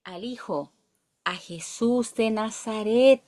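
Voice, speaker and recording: A woman's voice: fairly high pitch, slow pace, mellow. A woman with a Chilean accent teaching a Bible study, reading verses aloud and asking her listeners questions.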